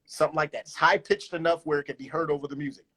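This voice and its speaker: A man talking casually as a guest roller skater, in an animated way, with loose slang and a habit of restarting phrases. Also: a little high, very fast, breathy edge. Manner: animated, loose slang, restarts often, says "you know what I'm saying". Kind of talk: casual conversation.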